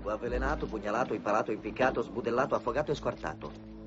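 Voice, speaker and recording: A man's voice: medium pitch, very fast, natural voice. An actor dubbing an eager, bookish male ghost hunter. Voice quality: eager, enthusiastic. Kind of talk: dubbed film acting. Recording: dull dubbed film audio with music.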